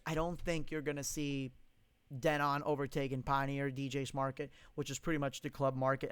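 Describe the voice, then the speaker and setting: A young man with a high, smooth, clear voice hosts a casual live-stream Q&A, reading out viewer comments. He answers bluntly and profanely, ranting with strong opinions. The sound is close and dry, from a condenser mic in a home studio. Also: pushed and bright, no echo.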